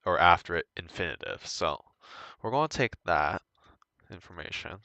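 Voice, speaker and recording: A young man giving an informal language lesson, thinking aloud in a halting way and correcting himself as he goes. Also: sits low, animated, pushed and bright, no echo, lo-fi sound. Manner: hesitant, halting, self-correcting. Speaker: language tutor.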